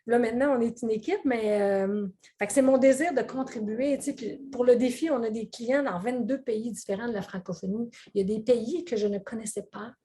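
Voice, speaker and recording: A middle-aged woman with a Québécois French accent, chatting as a guest in an interview and telling animated stories with many fillers and frequent laughter. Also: fairly high pitch, fairly quick. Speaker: weight-loss coach, guest. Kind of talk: casual interview chat.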